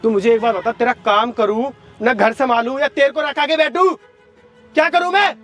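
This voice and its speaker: Very high-pitched man as an enraged husband, shouting threats; outdoor skit with music. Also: moderate pace. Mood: scolding. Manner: shouting, scolding, menacing. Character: furious husband confronting his wife. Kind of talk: staged street skit. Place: outdoors in a park.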